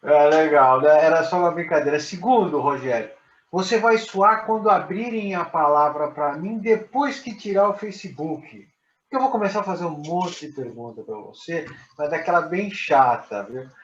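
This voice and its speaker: A man's voice: a little high, expressive, moderate pace. Earnest man in an echoey room. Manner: teasing, then earnest and emphatic. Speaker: meeting participant. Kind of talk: casual group discussion. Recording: echoey room, muffled, faint noise.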